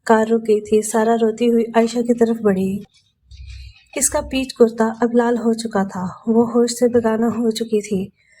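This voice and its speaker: A woman narrating a romance novel in a steady, even storytelling manner. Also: on the high side, a little hiss or hum.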